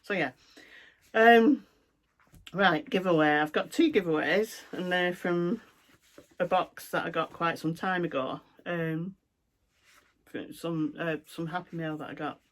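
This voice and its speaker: Speaking a bit slowly in a lowish voice and pausing often, a middle-aged Lancashire woman with a broad North West England accent shows off her cross-stitch work. She keeps the chat casual, full of ums and side remarks.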